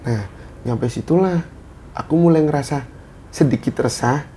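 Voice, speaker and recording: A man's voice: a little high, normal speed, warm tone, slight background noise. A man from Indonesia telling a story in a casual chat, in short bursts of phrases. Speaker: guest storyteller.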